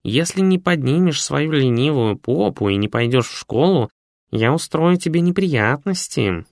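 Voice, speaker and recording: Male reader doing a nagging robot cat, high and stern, dry close sound. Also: lively intonation, normal speed, vocal fry, dry recording. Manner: bossy, nagging.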